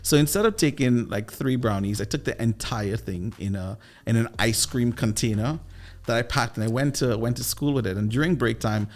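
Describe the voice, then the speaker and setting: A man with a Trinidadian accent from Trinidad and Tobago, a guest entrepreneur and business coach telling playful, animated stories in a casual interview. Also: medium pitch, moderate pace. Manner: animated, playful, with lively voiced asides.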